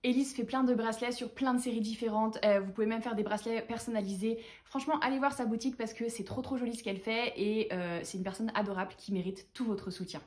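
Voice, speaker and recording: A woman's voice: fairly high pitch, fairly even intonation, fast talker, few pauses, darkish tone. A woman chatting enthusiastically as a book vlogger, talking through her monthly reads and haul. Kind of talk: casual book haul chat.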